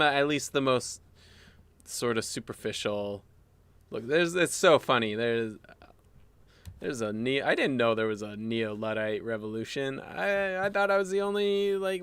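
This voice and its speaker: A graphic designer designs live on stream at his home desk mic, musing in a rambling casual manner with fillers and restarts. His mid-range, slightly phlegmy voice has a fairly bright, clean tone, with no echo.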